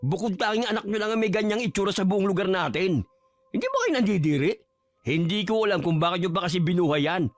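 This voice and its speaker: A man's voice: sits high, fast talker, no room sound, close to an everyday voice. A man playing a scornful village bully. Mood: taunting. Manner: taunting, scornful. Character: swaggering young male village bully. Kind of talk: audio drama acting.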